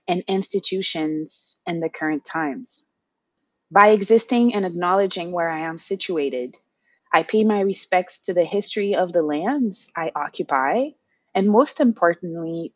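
Young woman guest from Haiti, lowish voice, reflective, muffled dry recording. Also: dry recording. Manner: thoughtful, with fillers and restarts. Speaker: podcast guest. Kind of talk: casual interview talk.

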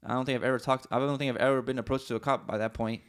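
A man tells a story in loose podcast chat, words tumbling out quickly. He rambles, swears freely and restarts his sentences often. His pitch sits in the middle of the male range. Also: fairly even intonation. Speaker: podcast co-host. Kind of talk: casual storytelling.

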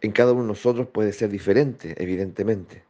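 A man giving a slow, reflective spiritual talk, pausing often and checking in with his listeners. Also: lowish voice, mellow. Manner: slow, thoughtful, with pauses and rhetorical checks. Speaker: spiritual teacher. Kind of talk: reflective spoken teaching. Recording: dull lo-fi recording.

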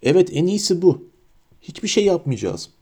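A man's voice: high voice, sing-song, moderate pace, mellow, breathy edge, voice pushed up, exaggerated voice. A man voicing a nervous, fussy middle-aged aunt in an audiobook, with a shaky, anxious delivery.

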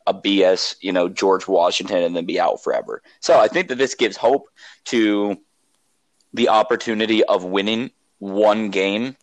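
A young man co-hosting a casual podcast, easygoing and quick to cheer his co-host along. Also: fairly low pitch, no room sound, poor audio.

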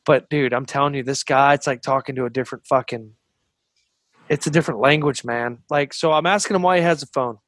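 A man's voice: mid-range voice, fairly even intonation, quick pace, a bit bright, no echo. A man telling casual podcast stories in heavily profane, slangy, emphatic military talk. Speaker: former military staff sergeant telling stories.

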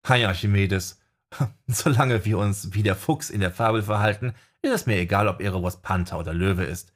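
A man's voice: lowish voice, normal speed, close to an everyday voice. A man voicing an earnest, self-deprecating young male wind mage in an audiobook. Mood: wry. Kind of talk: audiobook character voice.

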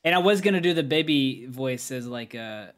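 A man's voice: mid-range voice, lively intonation, normal speed, noisy background. A man chatting with friends over a game, talkative and easily amused, trailing into restarts. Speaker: gamer and video maker. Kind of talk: casual gaming voice chat.

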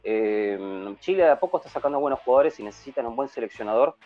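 A man giving relaxed, opinionated views on football in a casual chat. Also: mid-range voice, quick pace. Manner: relaxed opinionated talk with fillers. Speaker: panelist. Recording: dull lo-fi sound, faint music.

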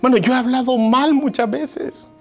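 A man preaching a sermon in a notably high voice. He swings from raised, urgent lines to near-murmurs, calling listeners brother and asking them questions. A quiet guitar plays underneath. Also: normal speed. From Mexico.

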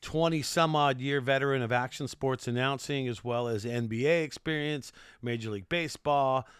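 A man's voice: mid-range voice, normal speed, clear, resonant tone, dry recording, clean studio sound. A middle-aged American man hosting his own podcast, chatting in an upbeat, rambling way with lots of fillers. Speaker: podcast host and sports announcer. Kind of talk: casual solo podcast talk.

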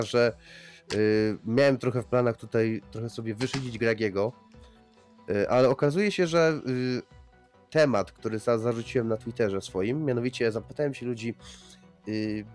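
A man's voice: mid-range voice, darkish tone. Male podcast host talking over music. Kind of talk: casual podcast discussion.

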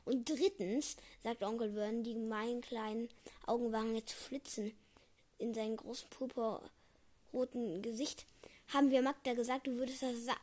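A woman's voice: fairly high pitch, fairly even intonation, moderate pace, darkish tone. A young girl reading a novel aloud, often stumbling over words and correcting herself. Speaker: reader.

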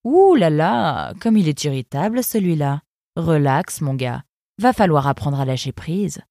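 A woman's voice: low-pitched, sing-song, unhurried, dark tone, no room sound, clean studio sound, full character voice. Woman voicing a blunt, laid-back vixen. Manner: offhand, cynical, teasing. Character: tall tattooed female fox, blunt and laid-back.

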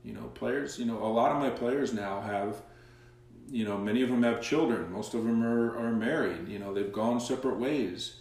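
A soccer coach, appearing as a guest, tells stories in a casual interview with a medium-pitched voice at a moderate pace. He's animated and acts out the quoted dialogue himself. The recording is very echoey, and he sits far from the mic.

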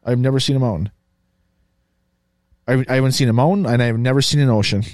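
A man, chatting loosely and crudely with a friend. His mid-pitched voice sits close and dry, with no room around it. He jokes and repeats his own catchphrases. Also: quick pace, darkish tone, dry recording. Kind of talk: casual chat.

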